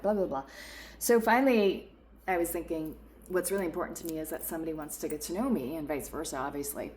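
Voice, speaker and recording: A woman telling a bad date story to camera, candid and self-aware, quick with asides and acting out both sides of the talk. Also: low voice, a bit bright, a little hiss or hum. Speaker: vlogger.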